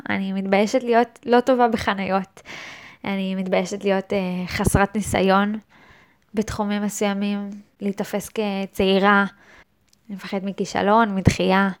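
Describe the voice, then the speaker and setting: A woman with a smooth, mid-range voice hosts her own podcast. She delivers a reflective solo monologue that is thoughtful and hesitant, with frequent restarts.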